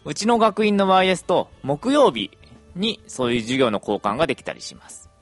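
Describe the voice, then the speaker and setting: A man's voice: on the high side, brisk, faint music behind. A young adult man chatting through a casual podcast monologue, with plenty of fillers. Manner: chatty, lively intonation, many fillers.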